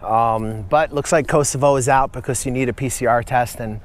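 Walking around a hilltop fortress in a city, a male travel vlogger chats casually to camera and thinks aloud with fillers. His voice is medium-pitched, fairly even in intonation, and moderately paced.

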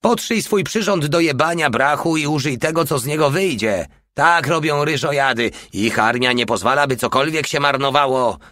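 A man reading an audiobook voices a mocking veteran soldier, raised in pitch and contemptuous in tone. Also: moderate pace, hardly any pauses, pushed and bright, no echo, clean studio sound. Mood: scornful. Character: scornful, wisecracking veteran male soldier.

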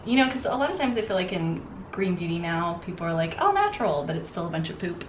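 A woman makeup artist chatting and telling stories while doing someone's makeup, giving gentle directions and laughing often. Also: lowish voice, lively intonation, fast talker. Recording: echoey room with faint noise.

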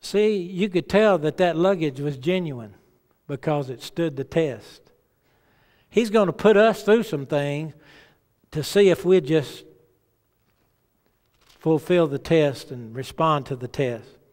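A man's voice: on the high side, animated, slow, pauses often, darkish tone. A middle-aged man preaching a revival sermon in a conversational, folksy storytelling way from a church stage. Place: large church sanctuary, on stage. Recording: reverberant church hall sound.

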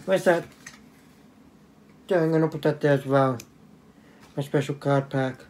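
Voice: medium pitch, measured pace, a little mellow. A channel host giving casual, joking commentary while opening cards indoors, humming little sound effects between cards.

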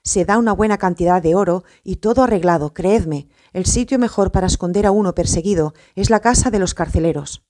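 A woman's voice: mid-range voice, a little fast, warm tone, dry recording, clean studio sound, natural voice. Woman voicing a shrewd, self-assured apostle man, persuasive, storybook reading. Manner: confident, persuasive.

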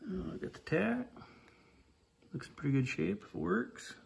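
A hobbyist restoring an old snowmobile shows it off in his garage workshop, filming a casual, rambling walkaround on a handheld phone. His high voice is expressive with vocal fry and a breathy edge, and at a moderate pace he speaks plainly, often saying "like I say."

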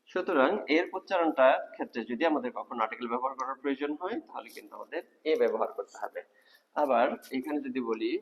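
A man's voice: mid-range voice, slight background noise. A man teaching English grammar in a video lecture, explaining step by step and asking the class rhetorical questions. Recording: long reverb of a hall.

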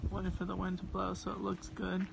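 A young woman vlogs casually at home on a handheld phone, and the recording is noisy. Her fairly low voice is monotone, a little fast and marked by vocal fry, and her manner is wry, joking and offhand.

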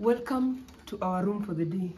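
A young Kenyan woman with a chatty, excitable manner, talking straight to viewers as a travel vlogger. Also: medium pitch, moderate pace, slightly rough. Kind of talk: casual travel vlog narration. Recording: distant mic with loud road and outdoor noise.

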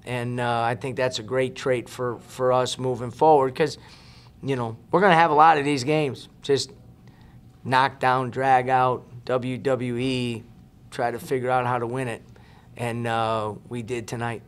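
A man's voice: medium pitch, flat delivery, measured pace, clear, resonant tone. Forties guy coaching, talking earnest and emphatic at a press conference, table mic, keeps repeating himself mid-thought. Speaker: head basketball coach. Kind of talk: postgame press conference answers. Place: indoor press room at a table. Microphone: table mic on a stand.

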